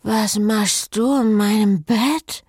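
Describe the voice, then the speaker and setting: A woman's voice: mid-range voice, slow pace, a little mellow, husky, no echo, studio quality, pitched above the performer's own voice. Woman reading as a teasing hungover young woman. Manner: drowsy, teasing.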